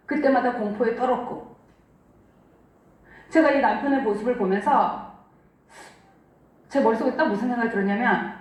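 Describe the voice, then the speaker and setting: A woman giving an earnest, impassioned church testimony, telling her story with dramatic pauses in a church sanctuary. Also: on the high side, a little mellow. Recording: echoey church hall, distant mic.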